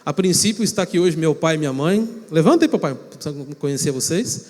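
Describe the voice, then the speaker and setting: A man from São Paulo state, Brazil, preaching as a pastor and telling a personal story with animated acted-out quotes. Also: on the high side, a little fast. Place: church sanctuary. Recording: long reverb of a church hall.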